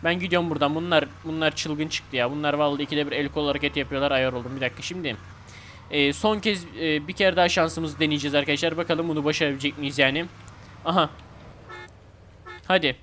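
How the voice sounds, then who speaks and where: A man giving playful, excitable commentary while playing a video game, pleading and repeating himself. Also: on the high side, quick pace, a little hiss or hum. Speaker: gaming YouTuber.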